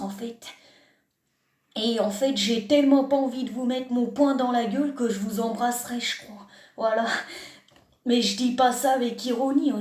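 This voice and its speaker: A woman's voice: a little high, warm tone. Sarcastic young woman in an echoey room. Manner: mock self-deprecating sarcasm, reads comment aloud. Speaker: YouTuber reacting to a comment. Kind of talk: sarcastic reaction vlog.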